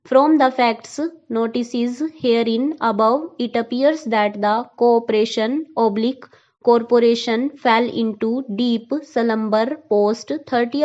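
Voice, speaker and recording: Female dictation reader, steady and measured, calls out punctuation; higher voice, muffled recording. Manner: measured, reads punctuation aloud. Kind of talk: legal dictation at a set pace.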